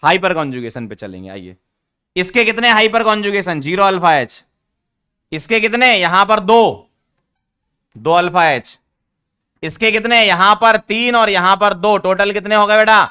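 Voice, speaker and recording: A man teaching an online chemistry lesson, teasing his students and repeating key rules slowly for emphasis. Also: high voice, lively intonation, bright, forceful tone, clean tone. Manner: teasing, addresses students as beta.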